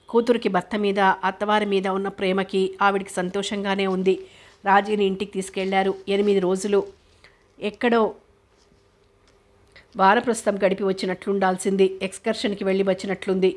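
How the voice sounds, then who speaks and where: Woman, audiobook narrator, flat even pitch, mid-range voice, steady storytelling. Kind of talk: novel audiobook reading.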